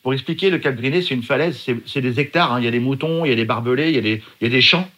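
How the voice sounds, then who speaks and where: A man's voice: medium pitch, very fast. A middle-aged man from France, telling his own story as a guest with vivid, emphatic delivery. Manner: vivid, emphatic, acts out shouted quotes. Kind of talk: dramatic personal storytelling.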